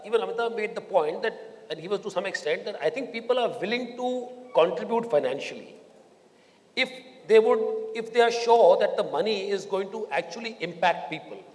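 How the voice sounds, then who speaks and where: A middle-aged man with an Indian accent answers on a conference panel. His voice sits high, and he feels his way through each point in a measured, halting manner. Long hall reverb surrounds him. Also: a little mellow. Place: large hotel conference hall.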